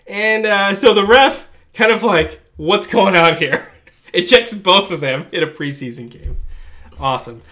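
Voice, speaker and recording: A man's voice: high-pitched, measured pace, sharp tone. A man co-hosting a casual show, animatedly recounting sports stories with frequent laughs and asides. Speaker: podcast co-host. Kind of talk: casual storytelling chat.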